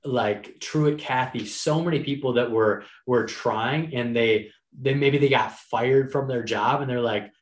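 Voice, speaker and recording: Energetic man in his thirties, roomy echo. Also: mid-range voice. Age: 30s. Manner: energetic, encouraging, fast-flowing talk. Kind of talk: casual chat.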